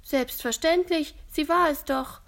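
A woman voicing a kindly elderly woman who speaks calmly and reassuringly. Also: high voice, unhurried, vocal fry, voice pushed up, full character voice.

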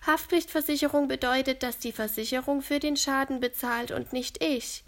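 A woman voicing a kindly elderly woman who speaks calmly and reassuringly. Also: sits high, normal speed, pitched above the performer's own voice.

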